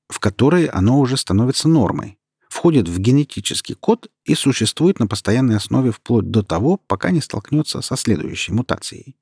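A man reads a sharp, proud young woman in an audiobook, explaining her ideas earnestly and at length. The voice has a husky grain, and the sound is dry and close. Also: mid-range voice, no echo. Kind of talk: audiobook character reading.

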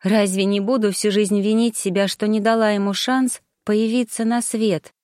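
A woman's voice: medium pitch, steady tone, normal speed, darkish tone, no echo, studio quality, close to an everyday voice. Woman voicing an anxious young mother-to-be. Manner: emotional, tearful, then resolute. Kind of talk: audiobook character voice.

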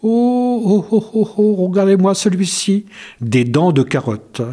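A man's voice: high-pitched, sing-song, a little slow, mellow, voice pushed up, full character voice. A man doing a teasing storybook dentist. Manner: teasing, mock-solemn. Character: male village dentist, wry and teasing.

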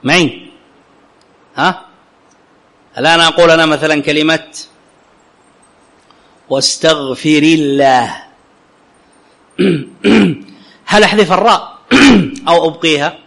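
A man's voice: a little high, creaky, fairly bright tone. Arabic grammar teacher quizzing his class. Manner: questions students often, checks understanding; recites quotations slowly and carefully.

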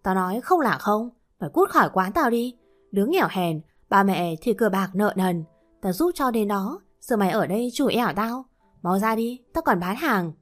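A woman's voice: mid-range voice, animated, normal speed, faint music behind, natural voice. A woman reading aloud, voicing a contemptuous older woman who runs a small eatery and scolds her former worker. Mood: scolding. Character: harsh older woman restaurant owner.

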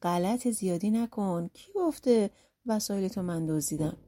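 A gruff thieving man with a thick mustache in a folk tale audiobook, as a woman narrator puts him on. He speaks in a husky, warm voice that stays rough around the edges. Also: medium pitch, close to an everyday voice. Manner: gruff and dismissive.

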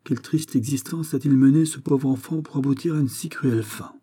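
A man's voice: mid-range voice, brisk, warm tone, slightly rough, voice pushed up, lightly acted. A man reading an aging queen from a classic novel, anxious and questioning. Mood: sorrowful. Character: aging queen, grieving and wary.

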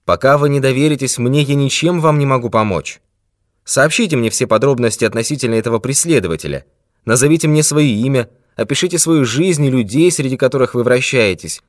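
A man's voice: medium pitch, lively intonation, fairly quick, no echo, studio quality, voice pushed up, close to an everyday voice. A man voicing a great detective who is stern but patient with a client. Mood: firm. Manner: firm, exasperated.

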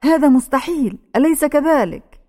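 A woman's voice: high-pitched, animated, normal speed, a little mellow, voice pushed up. A woman voicing a desperate old mother, a recluse who shields her daughter and pleads with soldiers in an audiobook. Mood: pleading. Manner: pleading, frantic cries.

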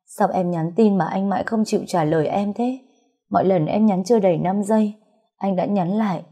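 A woman's voice: mid-range voice, warm tone, husky, lightly acted. A woman voicing a grief-stricken young pregnant woman who pleads through sobs. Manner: sobbing, pleading.

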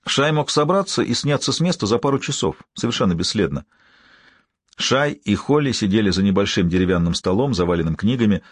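A man narrating a novel in the first person, with measured, grave storytelling. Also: lowish voice, expressive, breathy edge, no room sound, clean studio sound. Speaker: audiobook narrator.

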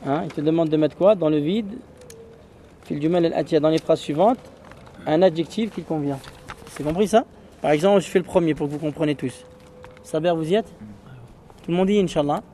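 A man leads a classroom lesson, firing short questions at his students and correcting them patiently. His voice sits somewhat high with a warm, mellow tone. Faint noise hums in the background. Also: quick pace, pauses often. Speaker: Arabic teacher.

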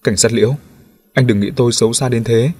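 A man doing a sly, hoarse journalist. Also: medium pitch, fairly even intonation, fairly quick, darkish tone, close to an everyday voice. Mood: aggrieved. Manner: pleading, ingratiating. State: hoarse and weak. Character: sly, weakened male journalist, scheming.

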